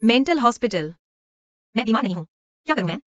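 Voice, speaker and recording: A woman's voice: on the high side, big pitch swings, quick pace, no room sound, lo-fi sound. A voice actress dubbing a frightened young woman who pleads desperately to be let go, in a drama dub. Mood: panicked. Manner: pleading, panicked.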